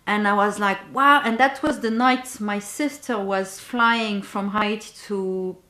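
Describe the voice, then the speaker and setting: A woman who works as a bereavement guide tells a personal story to the camera, slowly and reflectively, often pausing to search for words. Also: mid-range voice, fairly even intonation, bright, forceful tone. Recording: roomy echo.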